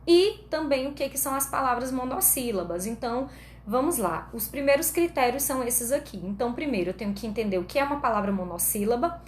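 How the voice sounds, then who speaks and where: A woman's voice: fairly high pitch, animated, a little fast. A woman teacher with a Brazilian Portuguese accent giving an online grammar lesson, explaining patiently step by step and checking in with her students often. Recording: echoey room with faint background noise.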